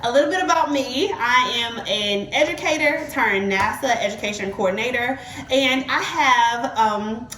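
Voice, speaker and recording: A woman hosting an educational kids' demonstration, talking in an excited, encouraging way to a young child, with exclamations. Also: high-pitched, a little hiss or hum. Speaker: host of a family kids' science show. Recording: echoey room.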